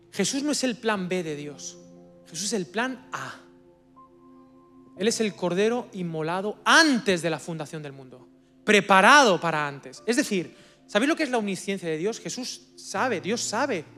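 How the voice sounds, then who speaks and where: Guest preacher, Spain-accented man, high voice, swings between hushed and loud, soft music under. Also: big pitch swings, unhurried. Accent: Spanish from Spain. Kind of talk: sermon. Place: church service.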